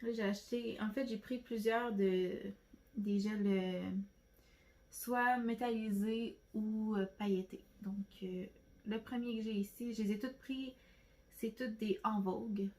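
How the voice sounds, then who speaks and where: A woman's voice: mid-range voice, fairly even intonation, a little slow, warm tone, low-quality recording. A woman from Quebec with a Québécois French accent, chatting casually through a nail product haul at home, rambling with lots of fillers and restarts. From Quebec, Canada. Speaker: nail beauty vlogger.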